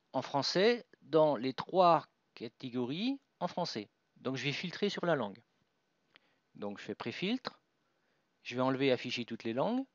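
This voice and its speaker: A man presents a software tutorial, talking through each click on his screen with fillers and restarts. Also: medium pitch, no echo. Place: at a computer. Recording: dull, dry voice-over with mouse clicks.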